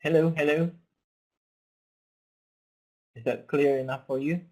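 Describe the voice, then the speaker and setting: A man's voice: fairly high pitch, steady tone, measured pace, darkish tone, rough recording. A man with an Indonesian accent hosting an online class, checking his mic with hesitant, repeated questions over a video call. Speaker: online course host.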